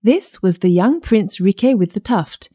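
A woman narrating a fairytale audiobook in a measured storytelling manner. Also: mid-range voice, animated, warm tone.

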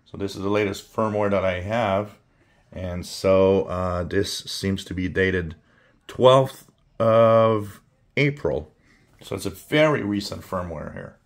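A man giving a casual hands-on gadget demonstration as a reviewer, thinking aloud in halting short phrases. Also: low-pitched. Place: indoors at a wooden table.

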